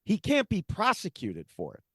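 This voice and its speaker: A man's voice: high voice, wildly swooping pitch, normal speed, fairly bright tone, husky, no echo, studio quality. A man co-hosting a political podcast, talking casually with sarcasm and exasperation and lots of fillers. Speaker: podcast co-host.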